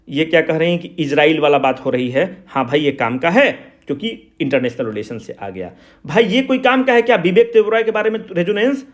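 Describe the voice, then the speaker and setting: A male coaching teacher lectures with lots of energy. His voice sits a bit high and swings up and down constantly as he stresses and repeats key phrases. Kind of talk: classroom lecture, Hindi mixed with English.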